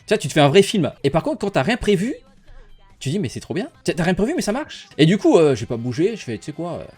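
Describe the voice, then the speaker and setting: A man's voice: on the high side, big pitch swings, fast, darkish tone, slightly rough. A young man casually telling a personal story to his viewers, rambling and playful, laughing often as he goes.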